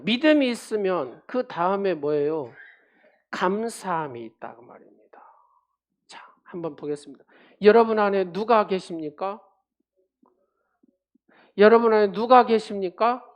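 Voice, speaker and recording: A woman pastor delivering a sermon, pressing the congregation with emphatic rhetorical questions and dropping her voice at the ends of points. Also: medium pitch.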